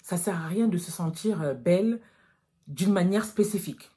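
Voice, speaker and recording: This French natural hair vlogger speaks at a moderate pace in a low, expressive, warm voice. Casual and to the point, she addresses her viewers as girls and doesn't mince words.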